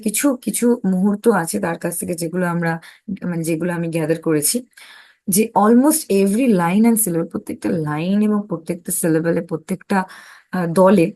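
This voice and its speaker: Low-voiced woman teacher explaining a text. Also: a little mellow, no room sound. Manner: reads English lines slowly, then explains with questions. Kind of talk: explaining an English text in Bengali.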